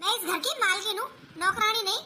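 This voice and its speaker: A woman's voice: very high-pitched, a little fast, very noisy. A woman playing a greedy, haughty young sister-in-law who sneers and scolds in a family drama. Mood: scolding.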